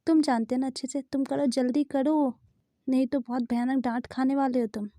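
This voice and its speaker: A bossy young man, played by a woman, who scolds and pushes his friend along. His voice is high and mellow, and it comes through a dry, close recording in a fan-dub story. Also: level tone, moderate pace, dry recording, close to an everyday voice. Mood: scolding. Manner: scolding, pushy.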